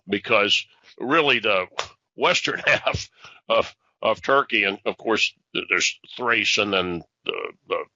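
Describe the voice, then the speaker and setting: A man's voice: on the low side, sharp tone, no echo, dull audio. A man co-hosting a discussion show, explaining at length with many fillers and restarts. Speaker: podcast co-host, analyst. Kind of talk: casual discussion.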